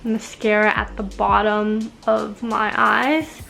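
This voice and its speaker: A woman's voice: medium pitch, level tone, takes it slowly, vocal fry, pushed and bright, faint music behind. A young woman from Taiwan, a beauty vlogger chatting casually to a close camera in a small bedroom, upbeat and filler-heavy.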